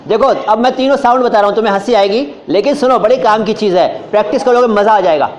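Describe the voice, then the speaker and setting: Animated high-voiced male Hindi teacher. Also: a little hiss or hum. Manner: demonstrates sounds slowly, repeats syllables, jokes with students. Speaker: Hindi-Urdu pronunciation teacher. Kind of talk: lively classroom-style lecture.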